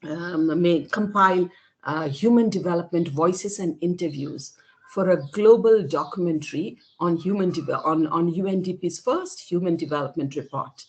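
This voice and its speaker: A woman's voice: lowish voice, moderate pace. Hesitant Nepali woman in her sixties. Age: 60s. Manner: thoughtful, hesitant with frequent fillers and restarts. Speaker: interview guest, women's rights activist. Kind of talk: casual interview over video call.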